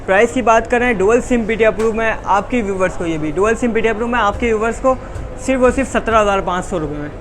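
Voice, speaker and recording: A man with a Pakistani accent selling phones in an insistent teleshopping-style pitch, repeating prices and stock phrases as he runs through models. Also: quick pace. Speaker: phone seller. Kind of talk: rapid sales pitch listing models and prices. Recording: busy street noise and chatter.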